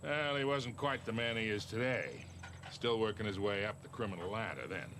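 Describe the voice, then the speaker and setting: Older man doing gruff dry smuggler, game dialogue, ambient noise behind. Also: fairly low pitch, normal speed, lightly acted. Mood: storytelling.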